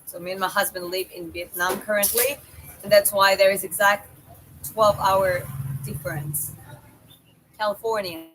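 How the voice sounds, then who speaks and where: A woman with a Georgian accent chats casually as a live streamer, thinking aloud in a halting way. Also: medium pitch, steady tone, a bit bright, poor audio. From Georgia (country). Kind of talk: casual livestream chat. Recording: clear background noise.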